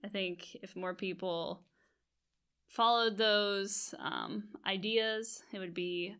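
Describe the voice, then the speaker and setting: A woman co-hosting a podcast in casual chat, chatty and quick to laugh, with many fillers. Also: mid-range voice, bright, forceful tone, clear, resonant tone. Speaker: podcast co-host.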